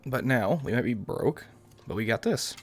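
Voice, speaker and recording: A young adult American man from New York hosts a gaming channel, giving casual, rambling let's-play commentary full of self-qualifying asides. His mid-range voice is expressive and moves at a normal speed over soft background music.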